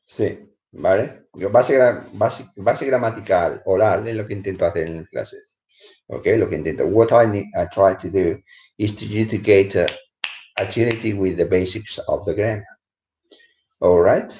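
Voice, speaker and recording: A man's voice: deep voice, measured pace, pauses often, dark tone. A man with a Spanish accent teaching English in a live stream, reviewing a book, switching between English and Spanish and often checking in with "¿vale?". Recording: roomy, dull lo-fi stream audio.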